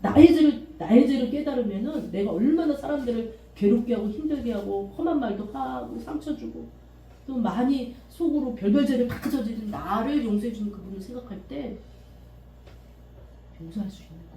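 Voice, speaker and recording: Lady pastor preaching, high voice all over the place, picked up from far off in an echoey church. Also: a little fast. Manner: animated, laughing, acting out quotes. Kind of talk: sermon. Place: church sanctuary. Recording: echoey room from far off, faint hiss.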